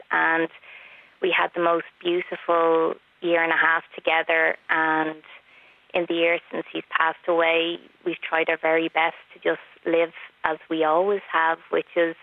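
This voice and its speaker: A middle-aged woman calling into a radio show over a cordless landline phone, speaking softly and in a measured way. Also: sits low, no echo. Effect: landline phone line. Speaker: caller. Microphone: cordless house phone. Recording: tinny landline phone line.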